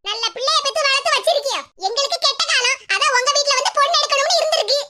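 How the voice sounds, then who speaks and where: A woman's voice: very high-pitched, rapid-fire, noisy background. A woman voicing a furious old Kanyakumari mother-in-law. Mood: angry, scolding. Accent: Kanyakumari Tamil. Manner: scolding, combative. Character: angry older mother-in-law, sharp-tongued. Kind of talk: animated cartoon comedy voice.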